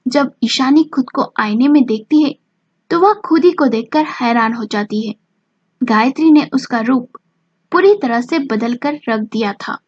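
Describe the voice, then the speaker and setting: Husky woman reading a drama story. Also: on the high side, a little slow, darkish tone, dry recording, dull audio. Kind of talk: scripted story narration.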